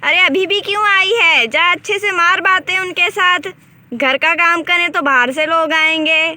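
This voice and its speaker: A woman voicing a shrill nagging mother-in-law. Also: measured pace, dry recording. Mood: scolding. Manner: nagging, sharp-tongued. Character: scolding old mother-in-law.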